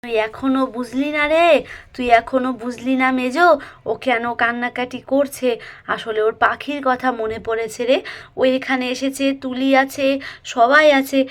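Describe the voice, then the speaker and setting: A woman's voice: sits high, fairly even intonation, moderate pace, lightly acted. A woman doing a wise elder sister-in-law. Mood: reassuring. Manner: explaining, reassuring. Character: eldest daughter-in-law, wise and comforting.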